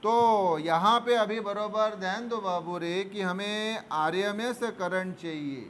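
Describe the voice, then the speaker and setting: A man's voice: sits high, slow, sharp tone. A male physics teacher, explaining a problem at the board. He talks patiently, calls his students fondly and answers his own questions. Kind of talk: board lesson. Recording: faint background noise.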